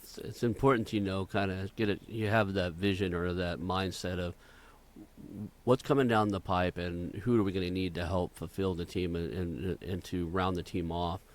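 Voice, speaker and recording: Deep-voiced man in his fifties. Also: fairly even intonation. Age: 50s. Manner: halting, restarts questions. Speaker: podcast host. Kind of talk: podcast interview.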